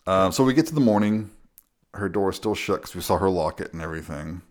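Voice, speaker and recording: Deep-voiced guy casually recapping a movie on a podcast, laughs a lot, swears a bit. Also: lively intonation, quick pace, darkish tone. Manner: laughs often, swears casually, retells scenes. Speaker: podcast co-host. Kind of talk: casual film recap chat.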